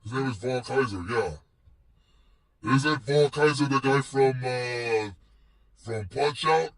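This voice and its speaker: A man hosts a casual wrestling chat vlog, rambling in a slangy, playful way and swearing freely. His medium-pitched voice is slow and creaky, recorded from a distance.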